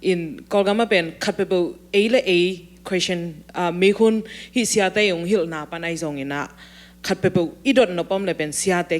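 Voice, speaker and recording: A woman in casual talk-show conversation, explaining things in a calm, measured way. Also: on the low side.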